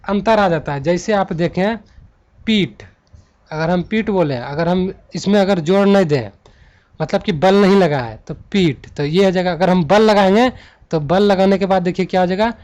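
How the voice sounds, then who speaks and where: High-voiced man teaching grammar, repetitive. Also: darkish tone. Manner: repeats words, asks and answers his own questions; slow, drawn-out stress on key words. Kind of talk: classroom-style lesson. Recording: dull lo-fi recording.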